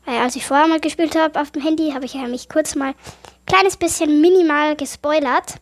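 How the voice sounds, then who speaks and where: Excitable high-voiced German gamer woman. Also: fairly quick. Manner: excitable, easily startled, chatty. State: a little sick, voice affected. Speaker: gaming YouTuber. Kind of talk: horror game let's play commentary.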